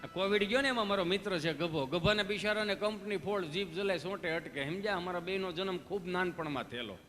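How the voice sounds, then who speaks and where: A man's voice: sits high, quick pace. A male folk comedian with a Kathiawadi Gujarati accent, telling stories on stage and acting out every part of the dialogue. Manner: animated, acts out dialogue in different voices. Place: stage before a live audience. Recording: reverberant hall with faint music.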